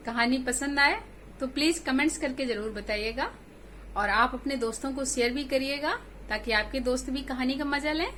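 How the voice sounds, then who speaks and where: High-voiced woman telling a kids' story. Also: moderate pace, a bit bright, slight background noise. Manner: simple, chatty telling to kids. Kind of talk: children's story narration.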